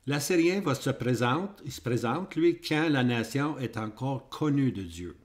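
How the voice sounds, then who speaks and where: Guy with a québécois french accent teaching bible prophecy, repeats stuff, keeps asking "ok?", middle pitch. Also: expressive, measured pace. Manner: repetitive, checks in with "hein?" and "ok?". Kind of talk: Bible prophecy lesson with maps.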